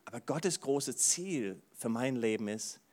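An animated male pastor delivering a sermon in a mid-range voice. He drops to quiet, soft asides and then rises into loud, excited exclamations. He keeps breaking in with enthusiastic "wow"s. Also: mid-range voice, unhurried. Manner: says "wow" often.

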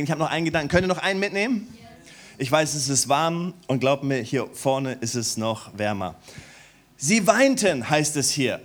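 A middle-aged man preaching a sermon to his congregation in a warm church hall, dropping to soft, low stretches and rising to loud, high exclamations. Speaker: pastor.

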